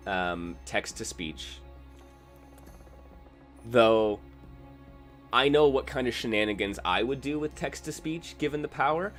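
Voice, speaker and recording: A man live-streaming a video game, chatting casually with viewers in a rambling, self-correcting way. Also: mid-range voice. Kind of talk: casual live-stream chat while gaming.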